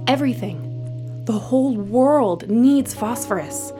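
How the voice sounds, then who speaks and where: A woman's voice: a little high, lively intonation, music in the background. A woman voicing a chirpy, callous hotline operator. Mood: coaxing. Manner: soothing then brisk customer-service cheer. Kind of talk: audio drama acting.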